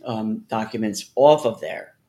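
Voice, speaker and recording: Gravelly, blunt, profane co-host. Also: medium pitch, unhurried, warm tone. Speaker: podcast co-host. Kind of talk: casual crude banter.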